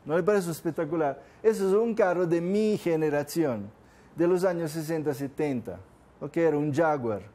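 A man's voice: a little high, normal speed, mellow. An older man from southern Italy, a native Italian speaker, gives an informal seminar talk to a class and keeps asking the room questions. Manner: conversational, asks the room questions often. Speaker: course speaker.

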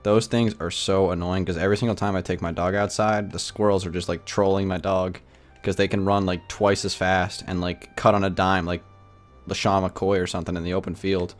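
A young man chatting casually on a gaming livestream, rambling with lots of "like" and ranting in an animated way. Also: low voice, a little fast, faint music behind. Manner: rambling, heavy use of filler "like", animated ranting.

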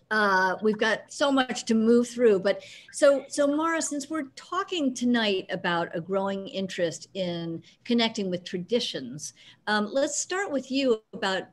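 Over a video call from her living room, a middle-aged woman moderates an online panel. She sounds upbeat and brisk at a medium pitch, with frequent ums.

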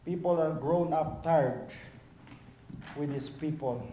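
A male pastor preaching a sermon in lively, swinging from loud emphasis to near-whisper and acting out short dialogues. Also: on the high side, slow, a little hiss or hum. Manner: animated preaching, swings from loud to soft, acts out little dialogues. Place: church. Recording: echoey church hall.

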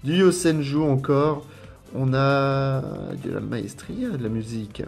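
A man's voice: mid-range voice, lively intonation, takes it slowly, gravelly, a little mellow, faint music behind. Rambling French man unboxing cards. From France. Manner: rambling, repeats words, lists card names. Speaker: YouTuber unboxing trading cards. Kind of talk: casual card-collection unboxing commentary.

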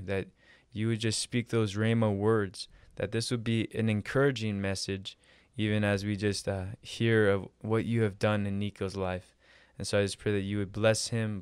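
A man's voice: on the low side, clear, resonant tone, no room sound. A young man, a pastor co-hosting a podcast, praying earnestly and chatting in a small studio on a close mic. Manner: earnest, with frequent fillers in prayer. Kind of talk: prayer and casual podcast chat.

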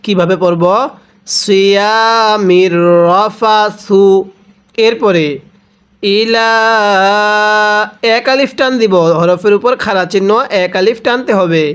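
A man with a Bangladeshi Bengali accent teaching Quran recitation, drawing each word out slowly and then explaining quickly. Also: sits high. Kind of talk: spelling-out Quran recitation lesson.

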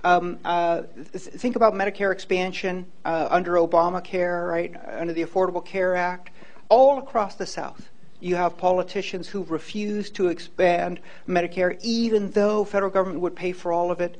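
A man's voice: high-pitched, steady tone, normal speed. Earnest man lecturing in a hall. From Hawaii. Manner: earnest, emphatic, repeats words when starting a point. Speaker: law professor giving a public lecture. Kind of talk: public lecture and Q&A. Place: large lecture hall, indoors. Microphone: handheld microphone.

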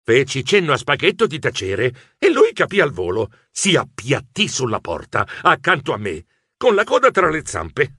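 A man narrating a children's audiobook in first person as a nervous mouse writer, in an expressive storytelling voice. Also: mid-range voice, normal speed, husky, no room sound, studio quality.

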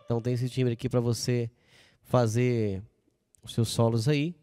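A man's voice: mid-range voice, steady tone, a little slow. A man from Brazil casually demonstrating keyboard sounds and rhythms, chatting straight to his viewers. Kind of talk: casual product demo. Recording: dry close recording with keyboard music underneath. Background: keyboard music playing.

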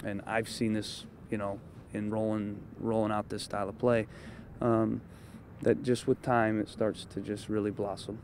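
A man in his thirties, a head coach, giving a measured postgame interview outdoors at night, with lots of "you know" and "um" as he thinks. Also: on the low side, level tone, darkish tone, slight background noise. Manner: thoughtful, measured, frequent fillers. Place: outdoors at a training field at night. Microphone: handheld interview mic held close.

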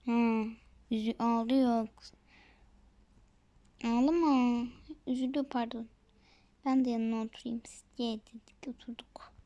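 A woman's voice: a little high, steady tone, unhurried, long pauses, dark tone, dull audio. A woman casually commenting on her game for viewers, chatty and often dropping to a whisper. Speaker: gaming video creator.

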